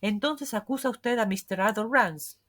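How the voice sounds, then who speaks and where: A woman reading the lines of a stern male court president, speaking gravely and with a threatening edge. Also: fairly high pitch, moderate pace, a bit bright. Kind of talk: audiobook reading.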